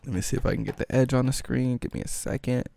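A man's voice: medium pitch, steady tone, fast, creaky, warm tone. A man hosting his own podcast, rambling in loose, slangy casual chat with lots of filler words. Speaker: podcast host.

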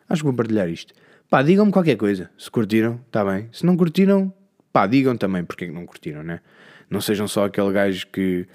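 A man's voice: on the low side, darkish tone. A man with a European Portuguese accent hosts a podcast alone. He chats casually in slangy, rambling turns, with a self-deprecating manner. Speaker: solo podcast host. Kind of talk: casual chat.

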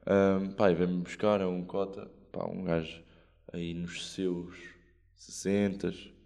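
A man's voice: sits low, level tone, takes it slowly, vocal fry, warm tone. A man with a European Portuguese accent, hosting a podcast and telling stories in a rambling, slang-filled way. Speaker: podcast host. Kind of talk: casual chat.

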